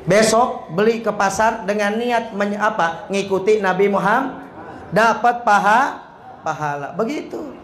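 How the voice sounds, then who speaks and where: A man's voice: high voice, a bit bright. A man preaching a humorous sermon, telling jokey stories and quizzing his audience. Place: prayer room. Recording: echoey prayer room, faint noise.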